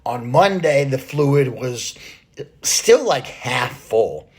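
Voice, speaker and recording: A man's voice: mid-range voice, big pitch swings, slightly rough. A man gives a casual vlog update to his followers while still short of breath from a recent illness. He rambles and hesitates, restarting sentences and filling gaps as he goes. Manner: halting, rambling, many fillers and restarts. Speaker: fitness content creator.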